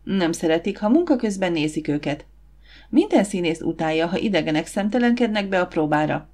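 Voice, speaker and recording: A woman voicing a confident, warm young woman who runs a catering business, in an audiobook. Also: on the low side, expressive. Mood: warm brisk. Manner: brisk, encouraging.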